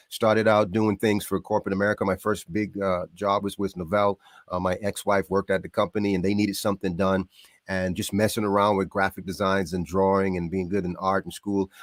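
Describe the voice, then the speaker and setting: Casting: middle-aged man from the Bahamas, lowish voice, dry close sound, lively storyteller. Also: no room sound. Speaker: podcast guest. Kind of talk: casual interview storytelling. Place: home in New York.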